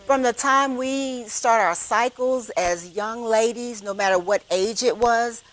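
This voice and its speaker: Hosting a church women's panel, a woman in her fifties speaks with a fairly high pitch at a measured pace, captured in a low-quality recording. Her style is warm and conversational, and she frequently checks in with listeners with an "okay?"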